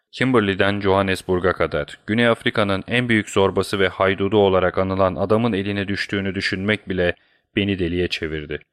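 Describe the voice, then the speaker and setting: A passionate young man, fiercely protective and defiant, speaking with earnest intensity in a deep voice, as a male audiobook reader puts him on. A storybook reading. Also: a bit bright, dry recording, studio quality. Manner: impassioned, defiant.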